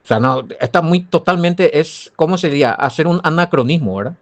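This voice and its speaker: A Paraguayan-accented male pastor with a somewhat high voice walks through a Bible passage. He answers listener comments and fires rhetorical questions right at them. His delivery is lively and conversational. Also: brisk. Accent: Paraguayan Spanish. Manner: animated, rhetorical questions, addresses listeners directly.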